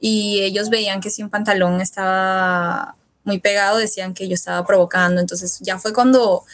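A woman's voice: mid-range voice, fairly even intonation, moderate pace. A young woman from Latin America, a guest telling her story in a casual interview, hesitant with many restarts. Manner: hesitant, many restarts and fillers, quotes her own past words. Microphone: studio microphone.

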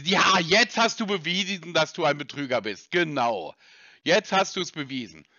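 A man's voice: fairly high pitch, animated, moderate pace, bright, forceful tone, no room sound. A man on a prank phone call, taunting and insulting a scam caller with repeated jibes, laughing at him.

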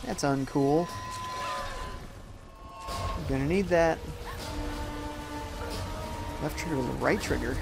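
A man's voice: a little high, slow, gravelly, long pauses, loud music behind the voice. Chatty male streamer reading chat. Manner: chatty, reads viewer messages aloud and reacts to gameplay. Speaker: gaming streamer. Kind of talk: casual live-stream commentary reading chat.

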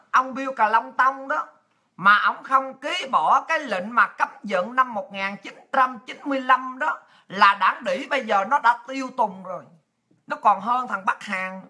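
A woman's voice: a little high, bright, forceful tone. A woman, delivering a blunt, scolding political monologue full of exclamations and coarse slang. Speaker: political commentary host. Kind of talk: impassioned monologue.

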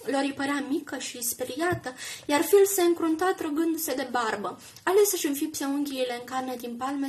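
A woman with a high, light voice reads a children's novel aloud. She gives the quoted lines more lift and force than the narration around them. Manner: expressive, raising pitch and volume for quoted characters. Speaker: reader. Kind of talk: reading a children's book aloud.

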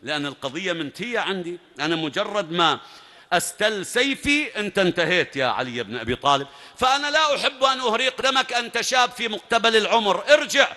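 A man's voice: on the high side, big pitch swings, fast talker, bright, forceful tone. Boastful veteran warrior voiced by a male preacher, taunting tone, echoing hall. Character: boastful fearsome enemy warrior challenging a youth. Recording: long hall reverb.

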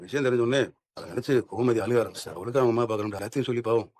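A man's voice: medium pitch, rapid-fire, a little mellow, dry recording, clean studio sound, natural voice. An actor playing an earnest family man, heated and indignant, in a TV serial. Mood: troubled. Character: earnest family man upset over in-laws. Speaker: husband and family elder. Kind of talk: TV serial acting.

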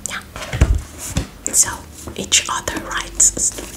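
Young woman doing whispered role-play as a helpful librarian, soft library whisper, really slow. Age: young adult. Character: friendly, helpful librarian recommending books. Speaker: ASMR performer playing a librarian. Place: small indoor room with bookshelves.

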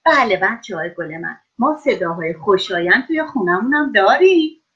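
A woman's voice: mid-range voice, expressive, fairly bright tone. A woman teaching children in an online class, praising and encouraging each pupil by name. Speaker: schoolteacher. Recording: dull lo-fi online call audio.

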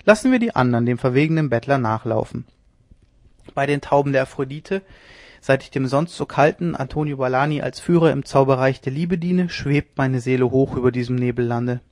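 A man's voice: medium pitch, a little fast, no room sound, clean studio sound, natural voice. A man reading an audiobook, voicing a reckless, mocking young lieutenant who talks in an exuberant, theatrical way. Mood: rapturous. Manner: exuberant, theatrical, loudly teasing.

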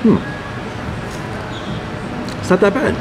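A man's voice: high voice, huge pitch swings, slow pace. Man talking with his mouth full. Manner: casual, muttering between bites. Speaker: food vlogger. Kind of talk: casual food review. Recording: loud background noise.

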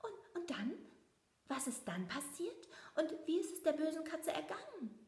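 A woman voicing a restless little boy mouse in a children's storybook, in a high, pleading, excited child voice. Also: normal speed, echoey room.

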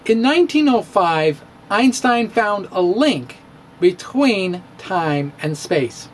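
Reading his own physics blog with playful theatrics, a middle-aged man uses a high voice full of big pitch swings, pausing and dipping for effect. He records at home on a studio mic, and a little hiss or hum can be heard.

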